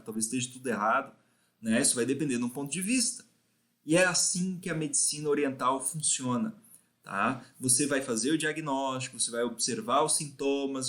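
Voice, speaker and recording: A man's voice: a little high, a bit bright. A man with a Brazilian Portuguese accent, teaching a class on acupuncture philosophy in a casual way, often adding "né?" to the end of his sentences. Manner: casual, frequently tags phrases with "né?". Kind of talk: recorded lecture.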